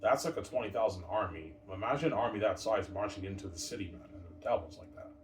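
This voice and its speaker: This thirty-something vlogger speaks quickly in a lowish voice, looping loosely through repeated phrases as he chats to his "guys" in a casual monologue. He's recorded from a distance and off-mic, with room echo and noise in the background.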